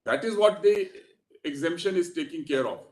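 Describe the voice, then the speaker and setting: A man's voice: fairly high pitch, animated, moderate pace, darkish tone. A man with an Indian English accent argues as an advocate before the court, formal and deferential, saying "my lord" again and again. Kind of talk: courtroom legal argument. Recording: echoey courtroom audio.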